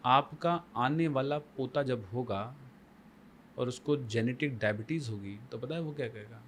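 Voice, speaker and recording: A man's voice: mid-range voice, measured pace, fairly bright tone, slight background noise. A man as the guest life coach on a podcast, explaining emphatically with rhetorical questions and mixing Hindi with English phrases. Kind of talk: podcast conversation.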